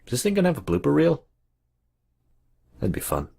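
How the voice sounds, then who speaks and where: A man's voice: on the high side, huge pitch swings, fairly quick, creaky, warm tone, slightly rough. A man who is a voice actor, recording game lines and making chatty jokes between takes.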